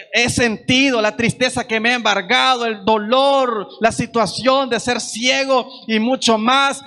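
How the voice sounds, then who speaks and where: A man's voice: very high voice, pushed and bright, voice pushed up, heavily acted. A man voicing a blind male beggar who pleads with stubborn hope, in an impassioned first-person way.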